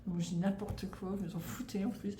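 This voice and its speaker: French woman, 30s, casual knitting vlogger, rambling and stumbling, mellow tone, echoey room. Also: medium pitch, level tone, a little fast. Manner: rambling, stumbling, frequent fillers and restarts. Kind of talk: casual chat. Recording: echoey room, faint background noise.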